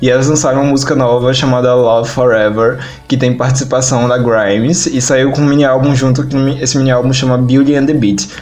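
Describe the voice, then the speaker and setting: A man's voice: medium pitch, darkish tone. Brazilian man, podcast co-host, opinionated, critical, filler-heavy casual talk. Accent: Brazilian Portuguese.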